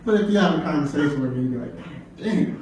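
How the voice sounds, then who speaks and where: Young guy rambling at an open mic, cussing a lot, kinda high voice, far-off mic, little background noise. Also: lively intonation, rapid-fire, darkish tone. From American Midwest. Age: 20s. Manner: loose, rambling delivery with fillers and profanity. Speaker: stand-up comedian. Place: bar or club room at an open mic. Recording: very echoey room, distant mic, faint noise. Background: audience laughter.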